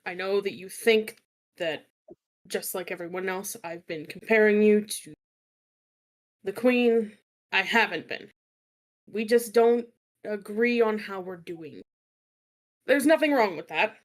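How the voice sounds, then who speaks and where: A woman plays a blunt, guarded young woman who swears freely and blurts her feelings out fast. Her voice sits at an ordinary middle pitch. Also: close to an everyday voice. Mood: earnest.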